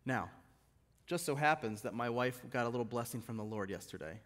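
A middle-aged man preaching a sermon in a church, retelling stories and dropping his voice low and soft for quoted lines. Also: expressive, brisk. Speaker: guest preacher. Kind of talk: sermon with storytelling. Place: church sanctuary.

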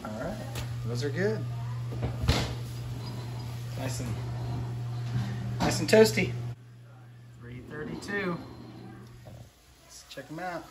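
A man's voice: a little high, slow, long pauses, noisy background. Chatty man cooking in a home kitchen. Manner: relaxed, chatty, talks while cooking. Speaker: fishing vlogger. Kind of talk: casual cooking narration. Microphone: handheld phone camera.

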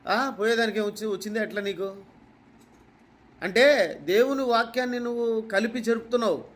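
A man from Kadapa with a Kadapa Telugu accent, a preacher scolding a rival with rapid rhetorical questions and repetition. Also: very high-pitched, fairly bright tone. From Kadapa, Andhra Pradesh. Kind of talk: confrontational rebuttal speech.

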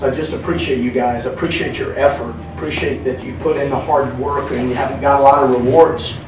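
A man, a basketball coach, giving an earnest locker room speech to his team, repeating phrases for emphasis. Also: mid-range voice. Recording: echoey room, distant mic, faint noise.

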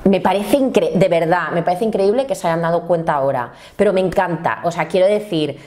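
A woman's voice: fairly low pitch, a little fast, warm tone. A woman with an accent from Spain hosting an opinionated commentary, blunt and indignant, talking straight to her viewers. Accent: Spain Spanish. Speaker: commentary channel host.

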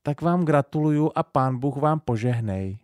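A man's voice: a little high, animated, a little mellow, no room sound, clean studio sound, voice pushed up, natural voice. A man with a Silesian accent voicing a small, sleepy old grandmother with a thin, childlike little voice in an audiobook. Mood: gentle.

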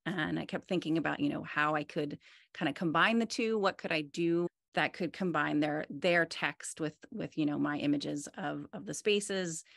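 An American artist with a low, gravelly voice speaks on a video call from a home room with a wood-panelled wall. In this conversational interview she is relaxed and thoughtful, at normal speed, with many fillers and restarts. The audio is studio quality with no echo.

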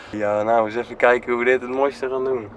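A man's voice: mid-range voice, noisy background. A young man talking casually to viewers on a travel vlog, chatty and upbeat, adding playful mouth sound effects, recorded on a handheld camera in a car and outdoors. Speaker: vlogger. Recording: background music under the voice.

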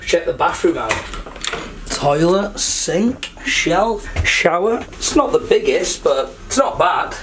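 This travel vlogger, a young man from Wales in the UK, talks to a handheld camera held at arm's length as he roams a cruise ship's decks, cabins and bar. His mid-range voice is chatty and upbeat, and he thinks out loud while walking, with a little hiss or hum on the recording.

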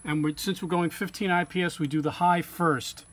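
A technician with a high, fairly bright voice and fairly even intonation shows how to calibrate equipment at normal speed. He goes step by step in an informal, straightforward way while background hum or ambient noise is clearly audible.

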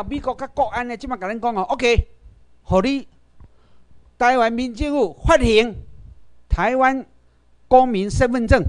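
A man's voice: very high voice, clear, resonant tone. A man with a Taiwanese accent gives a political lecture to a class, firing rhetorical questions and asking the audience to raise hands.

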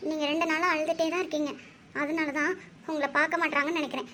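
A woman's voice: sits high, flat delivery, quick pace, sharp tone, slight background noise. A woman voicing an earnest young woman who persuades a grieving mother to rest, in a cartoon dub. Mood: persuasive.

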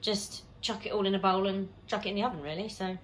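A woman's voice: mid-range voice, fairly even intonation, fast talker, a little hiss or hum. A woman from Sussex, chatting playfully as host of a home vlog in her kitchen. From Sussex, England. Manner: chatty and playful, with bursts of laughter. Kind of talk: casual home vlog chat.

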